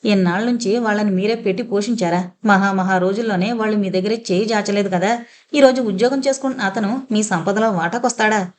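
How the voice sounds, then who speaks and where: A woman's voice: mid-range voice, brisk, natural voice. A woman voicing a bitter, defiant middle-aged daughter-in-law in an audio novel, speaking reproachfully.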